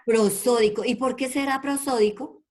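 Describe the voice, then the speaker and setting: A woman's voice: on the high side, fairly even intonation, moderate pace, darkish tone. A woman teaching an online primary school language class, patiently calling pupils by name and repeating her questions in an affectionate way. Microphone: video call.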